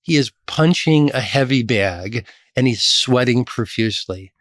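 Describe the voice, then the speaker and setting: A middle-aged man from Chicago, a guest in an interview, telling lively stories about his career. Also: a little slow, no echo, studio quality. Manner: animated storyteller, lively pitch jumps. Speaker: podcast guest, association executive. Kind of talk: storytelling interview.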